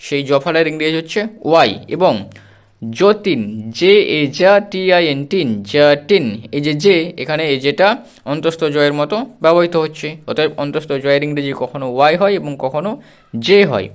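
Man slowly drilling a spelling lesson. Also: on the high side. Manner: slow, repetitive drilling, spells words out letter by letter. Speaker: teacher.

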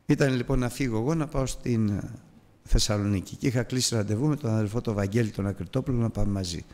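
Older preacher in an echoey hall. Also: male voice, fairly low pitch, a little mellow. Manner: vivid storyteller acting out voices. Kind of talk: Bible lesson with a personal story. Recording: long reverb from a large hall.

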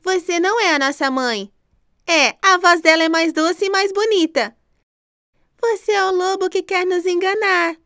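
A woman voicing tiny, lively young goat kids in a cartoon story, with an eager, childlike way of talking. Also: normal speed, hardly any pauses, no room sound, studio quality. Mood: defiant. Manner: eager, shrill childlike pleading.

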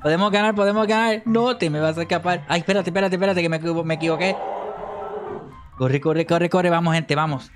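Excitable gaming host. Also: male voice, fairly high pitch, a little fast, faint music behind. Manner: excitable, shouts and laughs at the game, eggs himself on. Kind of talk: excited gameplay commentary.

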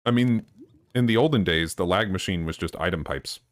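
A man streaming a game live, chatting casually with viewers in a low-key, deadpan way. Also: a little fast. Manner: low-key and deadpan, even when excited. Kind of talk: casual live-stream chat while gaming. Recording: noisy with clicking in the background.

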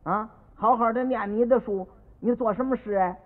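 A man voicing a humble, fretful tofu-maker father who speaks low and placating, heard on an old radio recording with long reverb. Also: normal speed, narrow, tinny audio.

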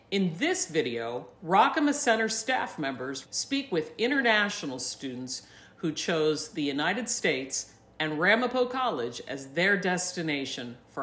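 Middle-aged female host, low and animated, roomy home recording. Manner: expressive, presenter-like. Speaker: arts center director. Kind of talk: scripted introduction. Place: home study. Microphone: webcam. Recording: roomy webcam sound.

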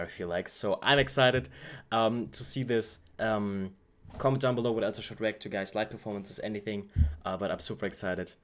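A man's voice: lowish voice, a little hiss or hum. A young man from Germany hosting a casual reaction video at home, gushing and repeating his words as he watches. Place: home room with shelves. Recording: music playing behind the voice.

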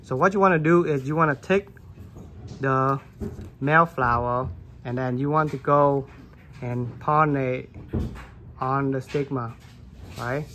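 Holding a phone camera on his hands, this gardening vlogger walks through hand-pollinating plants in his basement grow room. His medium-pitched voice has a sharp tone, and he speaks a little slowly with many pauses, keeping it casual and stuffed with "like" and "um." Slight background noise is audible.

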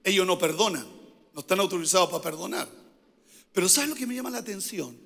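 A man's voice: high voice, fast, gravelly, a bit bright, big-room sound. A man with a Chilean accent preaching a sermon as pastor, repeating his phrases and calling on the congregation to answer back.

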